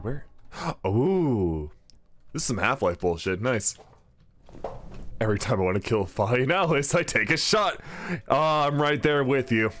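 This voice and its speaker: A man streams a video game and keeps up casual commentary, joking and swearing as he plays. His pitch moves around a lot. Faint music plays underneath. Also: a bit bright.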